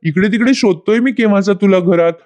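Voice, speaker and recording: A man's voice: high-pitched, fairly quick, a little mellow, voice pushed up, close to an everyday voice. Suspicious young husband, played by a man: raised, anxious voice.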